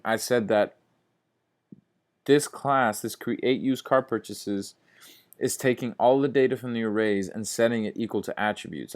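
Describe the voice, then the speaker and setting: A man teaching a programming class, walking through code step by step in a casual, repetitive way, sleepy and yawning. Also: fairly low pitch. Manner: casual, talks to viewers as guys, repeats steps slowly. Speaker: instructor.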